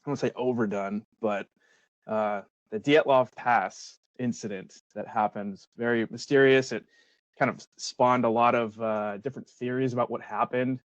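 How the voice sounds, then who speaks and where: A man co-hosting a podcast, talking hesitantly with many pauses and restarts. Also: medium pitch, steady tone, no room sound. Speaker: podcast co-host; military veteran. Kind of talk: casual podcast chat. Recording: dry, dull lo-fi mic.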